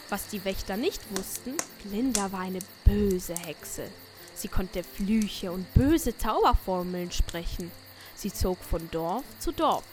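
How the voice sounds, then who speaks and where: A woman's voice: mid-range voice, slight background noise. A woman narrating a children's story as a scripted audio tale. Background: faint music.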